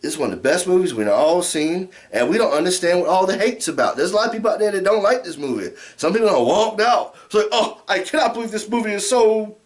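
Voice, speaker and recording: A man's voice: high voice, big pitch swings, fast, hardly any pauses. A middle-aged American man in a casual vlog rant, drunk, rambling and repeating himself, swearing heavily. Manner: heavily profane. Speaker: amateur movie reviewer.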